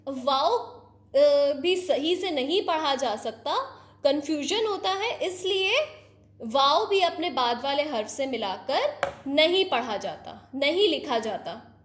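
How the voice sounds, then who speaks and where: A woman teaches young children, explaining things slowly and patiently and frequently asking questions to make sure they're following. Her voice sits high and sounds animated.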